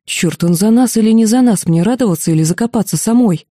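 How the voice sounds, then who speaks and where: A woman narrating an audiobook in a lively, expressive first-person reading. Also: medium pitch, quick pace, no room sound, studio quality. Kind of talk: scripted narration.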